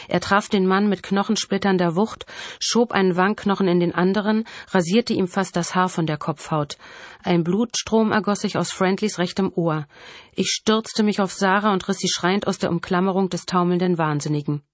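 A woman reading a first-person thriller audiobook in a measured, dramatic narrating manner. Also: fairly low pitch, no echo.

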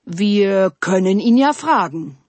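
A woman voicing a grumbling, gentle old male autumn spirit in a storybook reading, speaking slowly and softly. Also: medium pitch, expressive, no echo. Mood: calm refusing.

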